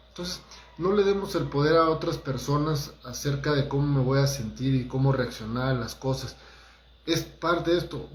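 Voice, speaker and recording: A man's voice: on the high side, darkish tone, reverberant. Man giving a motivational talk. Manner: conversational, addresses listeners directly, acts out quotes. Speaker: holistic therapist.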